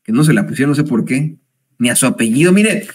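A man's voice: medium pitch, expressive, fast talker, a little mellow, breathy edge. A Mexican-accented man hosts a commentary show with a mid-range voice. He reads the news aloud and breaks in with sarcastic, chatty remarks. His speech is full of hesitations. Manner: frequent hesitations and laughs. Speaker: host.

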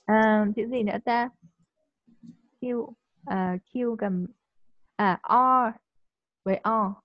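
A woman teaching English in a live online class. She coaxes the student and checks understanding with quick tag questions. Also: a little high, dry recording. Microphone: video call. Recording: dull lo-fi call audio.

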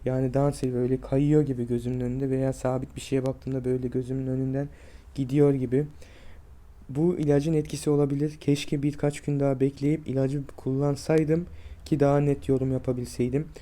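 Weak, strained young man, subdued monotone. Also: medium pitch, brisk. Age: 20s. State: sick and drained with fever and aches. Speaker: vlogger. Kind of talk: personal health vlog, speaking to viewers.

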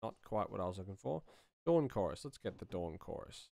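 Streaming from a small room, a sound designer in his thirties works while offering relaxed, muttered commentary into a close studio mic. His low, darkish voice is sing-song and brisk with vocal fry, and no room sound is audible.

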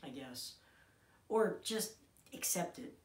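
A man in his twenties acting an intense dramatic monologue as a grieving, bitter son, halting and swinging between hushed and forceful delivery. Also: high voice, lively intonation. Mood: grieving, hesitant. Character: grieving, bitter young man recalling his dying father. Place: small room indoors, on a couch. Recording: roomy indoor echo.

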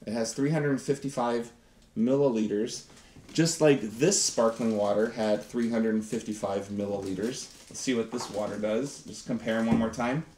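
A man's voice: lowish voice, steady tone, normal speed, darkish tone, slight background noise. A man in his thirties doing a chatty, enthusiastic live science demonstration, talking directly to viewers. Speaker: science teacher host. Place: home kitchen set, indoors. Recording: roomy kitchen echo.

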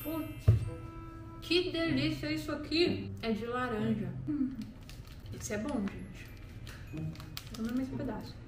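A woman talks through a mouth full of food as she tastes snacks for her vlog, chatty and reacting as she goes. Her voice sits a touch high. She sounds a little far from the mic in a reverberant room, with clear music underneath. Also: expressive, slow pace, pauses often. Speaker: food vlogger. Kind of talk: casual taste-test vlog. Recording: echoey room from a distance, with music.

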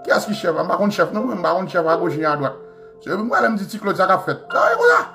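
Haitian man, high and forceful, combative live-stream commentary with faint music under it. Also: quick pace, gravelly. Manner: animated, shouting bursts, code-switching, swearing. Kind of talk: heated live-stream rant.

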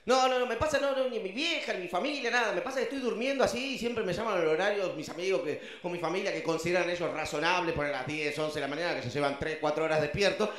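Echoey Argentine comedian doing stand-up. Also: male voice, sits high, fast, few pauses. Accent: Rioplatense Spanish. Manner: animated storytelling, acts out voices. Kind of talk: stand-up routine.

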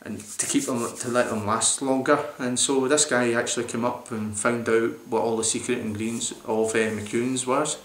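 With fairly even intonation and few pauses, a man in his forties talks at normal speed in a mid-range voice. He's rambling enthusiastically, full of fillers, while reviewing a beer to camera in a small room for a casual vlog. Slight background noise runs through the roomy, echoey home recording.

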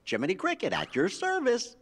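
Jiminy Cricket, a high-pitched little cricket. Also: male voice, huge pitch swings, fairly quick, a bit bright, a little hiss or hum, full character voice. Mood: courtly, earnest. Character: small, chipper, courtly male cartoon cricket. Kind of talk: cartoon video game acting. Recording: game audio under music.

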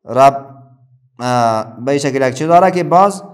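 A man's voice: medium pitch, lively intonation. A middle-aged man with an Afghan Dari accent teaching a children's reading lesson, patiently asking questions and then answering them himself.

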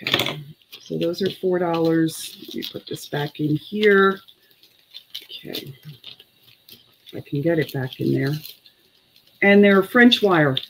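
Middle aged lady doing a live selling stream, chatty n slow, kinda noisy webcam audio. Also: low voice, vocal fry. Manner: unhurried, chatty, counting and muttering to herself. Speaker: online live-sale seller. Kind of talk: casual live selling chat. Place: indoor room with clothes racks.

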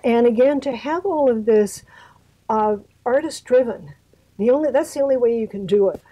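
Brief: older Canadian woman, interview guest, mellow dry voice, hedging and restarting often. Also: a little high, moderate pace, dry recording, low-quality recording. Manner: hesitant, many fillers and restarts. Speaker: guest, arts health board secretary. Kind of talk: casual interview talk.

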